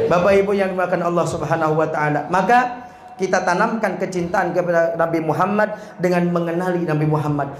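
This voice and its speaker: A man preaching a humorous sermon, telling jokey stories and quizzing his audience. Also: sits high. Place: prayer room. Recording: echoey prayer room, faint noise.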